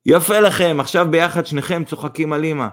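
A man voicing a talkative, excitable middle-aged mother who exclaims as she speaks. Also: fairly high pitch, voice pushed up, lightly acted.

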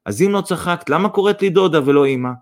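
A man voicing a talkative, excitable middle-aged mother who exclaims as she speaks. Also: on the high side, pitched above the performer's own voice.

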